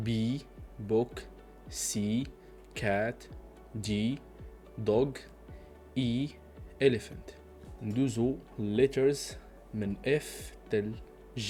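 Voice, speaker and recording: Moroccan man, low voice, patient teacher, repeats slowly, soft music behind. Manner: patient, repeats each letter and example for learners. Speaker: language teacher. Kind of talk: instructional lesson.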